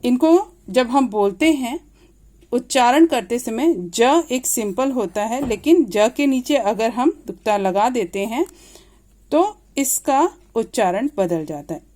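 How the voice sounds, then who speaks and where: A woman teacher giving a grade-school grammar lesson, slowly and patiently repeating each example aloud. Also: on the high side, expressive, dark tone.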